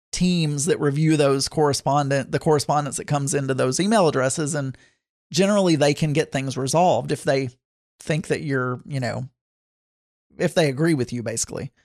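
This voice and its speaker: A man's voice: a little high, a little mellow, no room sound, clean studio sound. A man casually telling a story to his viewers, rambling with lots of fillers and restarts.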